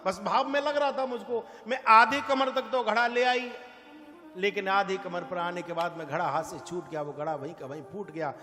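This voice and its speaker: A man's voice: sits high, normal speed, bright, forceful tone. A man telling a devotional story dramatically, acting out every character. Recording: echoey hall with long reverb.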